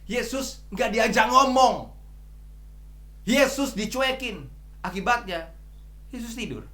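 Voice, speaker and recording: A man preaching a sermon as pastor, swinging between loud emphatic exhortation and soft pleading. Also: very high voice, animated, takes it slowly, echoey room. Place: church.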